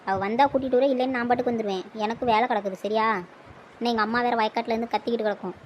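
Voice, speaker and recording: Brief: woman playing exasperated young village woman, highish voice, scolds and grumbles. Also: fairly even intonation, racing, slight background noise, natural voice, low-quality recording. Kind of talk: dubbed cartoon dialogue.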